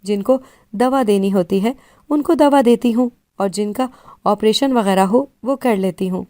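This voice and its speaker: Self-assured teen girl, calm explainer, soft dark tone; a woman narrator voices her. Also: mid-range voice, no room sound, close to an everyday voice. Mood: explaining. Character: confident fifteen-year-old girl running a clinic.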